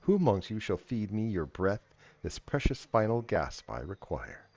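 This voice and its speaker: A man voicing a vampire naga villain in a tabletop game, speaking with slow, theatrical menace. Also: lowish voice, sing-song, a little mellow, dry recording, highs cut off, voice pushed up. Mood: menacing, grandiose.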